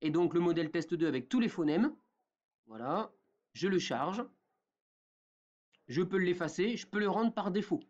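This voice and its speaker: In a dull, lo-fi screen-recorded tutorial, a man with a somewhat high, animated, darkish voice explains software one step at a time like a teacher. Hesitations and fillers crowd his pauses, and he often checks on his viewers with "d'accord?".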